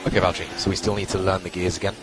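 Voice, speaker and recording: A man working as a race engineer on team radio, giving calm, clipped spotter-style instructions and repeating key calls. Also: low voice, racing, background noise. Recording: radio transmission with loud music behind.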